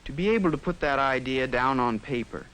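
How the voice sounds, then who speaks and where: A man's voice: medium pitch, expressive, a little fast, a bit bright, natural voice. An actor playing a sincere teenage craftsman, narrating his thoughts in a reflective 1950s educational film voice-over. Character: earnest teenage schoolboy craftsman musing to himself. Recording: faintly noisy 1950s film soundtrack.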